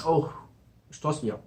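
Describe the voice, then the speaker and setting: A man's voice: on the high side, a little mellow, a little hiss or hum. A man giving a casual mukbang-style food review, talking between bites as he eats spicy noodles.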